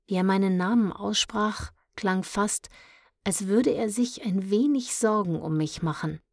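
A woman reading a children's story aloud in the first person, in a calm and measured way. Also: medium pitch, no echo, studio quality. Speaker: audiobook reader.

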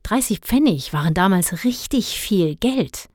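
A woman's voice: medium pitch, lively intonation, measured pace, darkish tone, no room sound, clean studio sound. A woman voicing a grumpy, stingy middle-aged father who scolds and grumbles indignantly in a storybook reading. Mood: indignant grumbling.

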